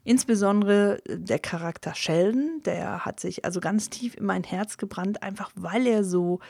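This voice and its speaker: A woman's voice: mid-range voice, normal speed, vocal fry, mellow, husky, no room sound. A middle-aged woman from the Ruhr area of Germany with a Ruhr German accent, giving a casual motivational talk as a business coach and tagging "ja" onto her sentences. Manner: chatty, filler "ja" after many sentences.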